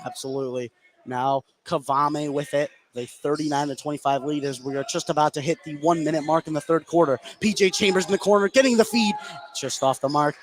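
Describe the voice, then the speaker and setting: An American man calls a basketball game live as the play-by-play announcer, his voice on the high side and fairly quick. The noisy gym comes through clearly behind his commentary.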